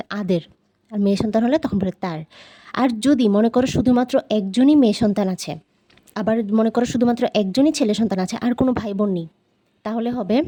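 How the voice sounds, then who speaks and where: A woman with a Bangladeshi Bengali accent gives a patient, casual vocabulary lesson. She says each word slowly and repeats it several times. Her voice has a warm, mellow tone. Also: fairly high pitch. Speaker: language teacher.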